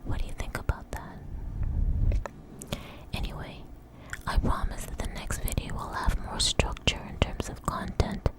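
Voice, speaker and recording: An ASMR video host whispers right up against the mic, breathy and with soft mouth sounds. She rambles gently and reassuringly, slow and unstructured.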